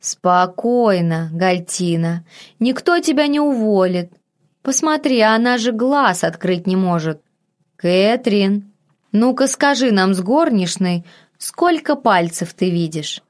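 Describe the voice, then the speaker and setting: A woman's voice: mid-range voice, lively intonation, slow pace. A woman voicing a cocky, sarcastic man who teases and scolds. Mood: mocking. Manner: sardonic, teasing. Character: mocking, cocky young man, sharp-tongued.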